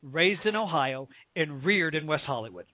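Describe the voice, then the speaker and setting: A man's voice: a little high, lively intonation, moderate pace, no echo. An American man hosting a chat show, gushing and joking in a campy way, with many restarts. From United States. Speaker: host. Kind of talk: casual interview chat. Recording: tinny dry phone-like line.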